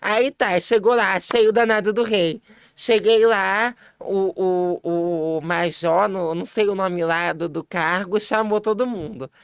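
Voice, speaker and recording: Smooth-voiced woman telling a lively story. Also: no room sound, clean studio sound. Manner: lively, laughing, quick restarts, high-pitched quoted voices. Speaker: podcast guest. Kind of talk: casual storytelling chat.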